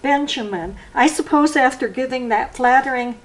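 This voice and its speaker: An older woman beginning a speech evaluation in a warm, teasing manner. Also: high-pitched, normal speed, low-quality recording.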